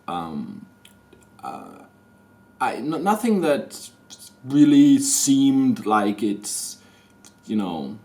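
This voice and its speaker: Talking to his camera, a Danish man of thirty delivers a hesitant confession with many restarts and fillers. His voice is medium-pitched and darkish, swooping wildly in pitch, and it's picked up by the camera mic.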